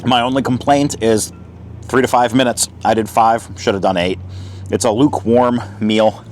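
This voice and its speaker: Tasting a camp meal outdoors, this vlogger keeps up a chatty food review while chewing. He has a mid-range voice with fairly even intonation and a moderate pace, and a faint hiss or hum sits under the recording.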